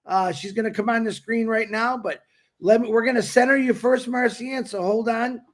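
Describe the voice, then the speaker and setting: A man's voice: very high-pitched, fairly even intonation, normal speed. A man co-hosting a livestream and introducing a guest in casual, effusive talk, chuckling between phrases.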